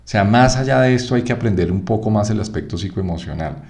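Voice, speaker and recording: A man with a Colombian Spanish accent giving an online lecture on acupuncture, teaching in a lively way and checking in often with "¿sí?". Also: on the low side, fast talker. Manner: lively teaching, frequent "¿sí?" checks, acts out students' objections. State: one ear feels blocked.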